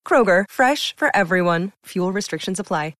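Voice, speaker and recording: A woman's voice: mid-range voice, expressive, moderate pace. Upbeat woman reading a commercial. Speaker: commercial voice-over. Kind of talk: scripted ad read.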